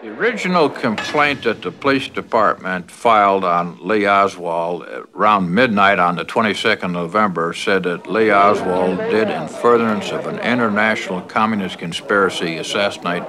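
A man giving a measured, explanatory account in a documentary interview. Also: low-pitched, pushed and bright. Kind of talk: interview commentary.

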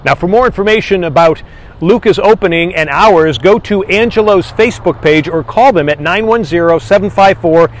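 A man's voice: high-pitched, normal speed. A man in his fifties hosting and narrating a scripted local TV report. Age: 50s. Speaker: reporter and host. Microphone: lapel mic.

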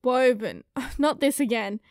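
High-voiced Australian woman giving verdicts. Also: animated, no echo. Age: young adult. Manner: quick, joking verdicts. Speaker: vlogger giving snack ratings. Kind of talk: voice-over commentary. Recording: dry voice-over, faint music.

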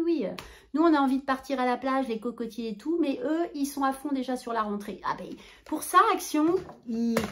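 A woman's voice: on the high side, darkish tone. A woman, from the southwest of France, presenting a shopping haul on her vlog. She speaks casually and animatedly, with lots of filler words and friendly asides to her viewers. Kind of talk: chatty product haul vlog.

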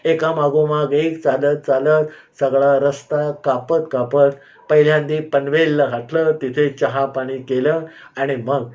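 A man telling a personal school memory in an unhurried way, often pausing to explain himself with asides. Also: on the high side, darkish tone. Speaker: storyteller. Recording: slightly dull, lo-fi sound.

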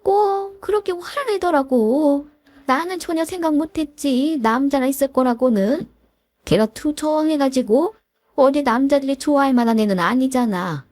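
A woman's voice: high voice, normal speed, darkish tone, dry recording, pitched above the performer's own voice, close to an everyday voice. A woman voicing a pushy, self-pitying older mother-in-law in a storybook drama, wheedling and guilt-tripping. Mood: pleading, pushy.

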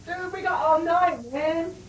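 A man's voice: extremely high pitch, a little slow, voice pushed up. A man voicing a clingy, whiny young man who pleads and giggles in a homemade comedy sketch. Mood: wheedling. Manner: pleading, giggly, calls everyone dude and man. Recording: roomy, distant, noisy home recording.

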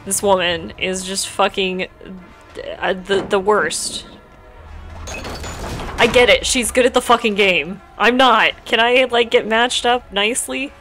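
A woman livestreaming a game and narrating every moment to herself, bluntly and with plenty of swearing. Her voice has a bright, forceful edge. Quiet music plays underneath. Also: medium pitch, a little slow. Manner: blunt and profane, talks to herself. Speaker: streamer. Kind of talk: live gameplay commentary.

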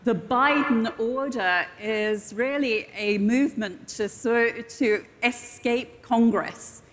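A woman giving measured, explanatory advice as a guest expert in an on-stage interview. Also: a little high. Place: large indoor conference stage. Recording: echoey hall with long reverb.

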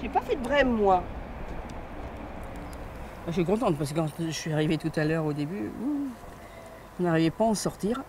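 A woman's voice: fairly low pitch, normal speed, long pauses. An older woman chatting cheerfully while fishing on a riverside platform outdoors, as an angling club president. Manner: chatty, cheerful, laughs easily. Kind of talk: casual chat while fishing. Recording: outdoor riverside recording with steady noise.

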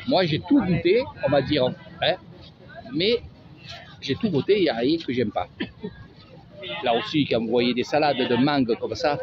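A man with a Marseille accent, chatty and sing-song, giving a casual walking tour of an outdoor market as a travel vlogger. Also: mid-range voice. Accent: Marseille French. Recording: dull lo-fi audio with music.

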